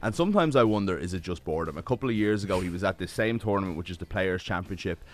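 Deep-voiced sports chatter. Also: male voice, expressive, very fast. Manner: chatty, rambling with fillers and restarts. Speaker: sports news guest. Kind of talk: casual radio chat. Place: radio studio.

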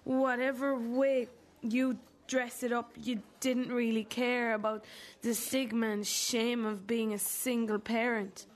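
A woman acting as a wounded, bitter adult daughter in a drama, accusing her mother in a halting, deliberate way. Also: a little high, little pitch movement. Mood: bitter, vulnerable. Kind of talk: dramatic two-hander dialogue.

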